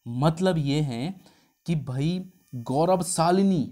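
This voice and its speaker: A man's voice: on the high side, takes it slowly, mellow. Chatty male exam tutor. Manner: chatty, explains with homely examples and asides. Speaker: exam prep teacher. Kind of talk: casual spoken lesson.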